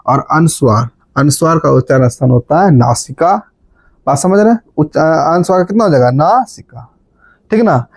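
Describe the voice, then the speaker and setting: A man's voice: a little high, moderate pace, slightly rough, no room sound. A man teaching a grammar lesson, quizzing students and chanting memory formulas in a sing-song way. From Bihar, India. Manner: lively, repeats key terms, quizzes students with "बात समझ रहे हैं?".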